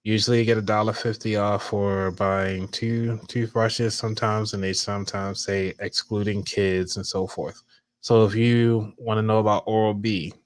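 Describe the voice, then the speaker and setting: A man hosting a casual podcast chat, joking around while giving practical money tips. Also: lowish voice. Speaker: podcast host.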